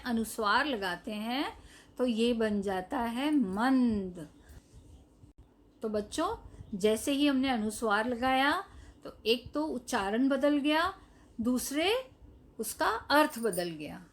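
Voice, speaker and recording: A woman teaching Hindi to young children in a recorded lesson, saying each word slowly, repeating it and explaining what it means. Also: a little high. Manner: slow, drawn-out, repeats each word and its meaning; addresses the children directly, asking them to say the word. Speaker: primary school Hindi teacher.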